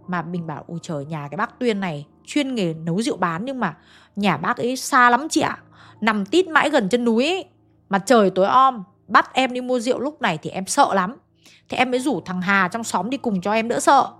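A woman's voice: a little high, a bit bright. A woman, casually narrating a ghost story she retells from a listener. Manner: chatty, retells a listener's story in colloquial northern speech.

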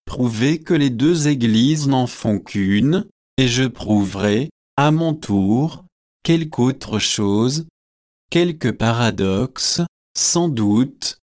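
A man's voice: medium pitch, animated, darkish tone, dry recording, clean studio sound. A man voicing a witty young student who teases and argues, in an audiobook reading. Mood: arguing. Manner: teasing, quick to argue.

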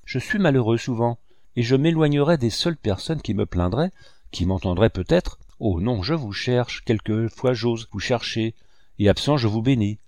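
A man's voice: mid-range voice, expressive, normal speed, a little mellow, no echo, close to an everyday voice. A man reading aloud voices an ardent young painter, earnest and instructive, who turns to tender pleading.

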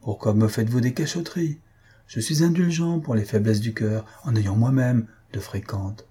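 Guy doing a sly teasing man in a storybook, fake-polite and ironic, mellow husky voice. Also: medium pitch, normal speed. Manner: ironic, mock-grand politeness. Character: mocking, teasing middle-aged man at the lodge.

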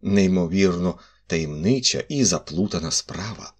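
A man voicing a fussy, sentimental older examining magistrate with a husky voice and an officious manner. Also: sits low, animated, unhurried. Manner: indignant, then indulgent.

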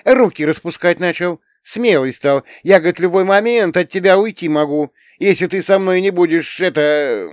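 A man's voice: high-pitched, normal speed, hardly any pauses, no echo, studio quality, pitched above the performer's own voice, close to an everyday voice. A man voicing a spirited teenage girl who talks bluntly and scolds with indignation. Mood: indignant.

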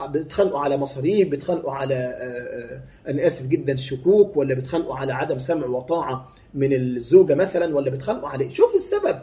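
A man's voice: mid-range voice, sing-song, racing, mellow. A man with an Egyptian Arabic accent preaching a sermon, moving between formal recitation and colloquial explanation, with many rhetorical questions.

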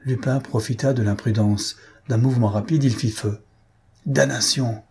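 A man reading a classic adventure novel aloud as an audiobook narrator, dramatic and measured. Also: mid-range voice, fairly even intonation, dark tone, slightly rough. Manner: dramatic reading, voicing characters lightly. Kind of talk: scripted narration.

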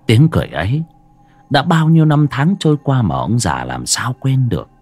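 A man narrating a horror story with dramatic, suspenseful pacing and sharp rises and drops. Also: mid-range voice, sing-song, normal speed, husky.

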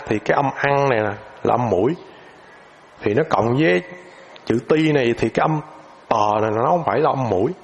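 A man explains a lesson in a loose, informal way. He hesitates often and repeats filler words while he searches for the next point. His voice sits at an ordinary middle pitch, with a faint hiss underneath. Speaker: teacher.

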